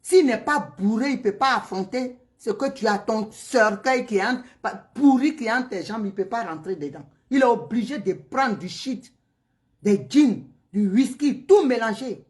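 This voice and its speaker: Woman ranting at the camera, high voice, mocking and insulting, goes loud then hushed. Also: expressive, normal speed. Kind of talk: heated direct-to-camera rant.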